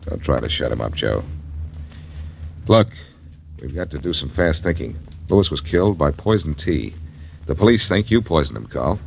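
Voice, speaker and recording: An actor in an old radio drama playing a self-assured, wry amateur detective who talks smoothly and insistently. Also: male voice, a bass voice, sing-song, normal speed, long pauses, full character voice. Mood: confident, pressing. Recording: dull, noisy old radio recording.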